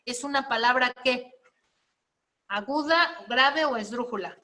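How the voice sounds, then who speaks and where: Bright-voiced woman teaching spelling. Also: fairly high pitch, unhurried. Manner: explanatory, checks in with frequent questions. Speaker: spelling and writing instructor. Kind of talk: live class teaching.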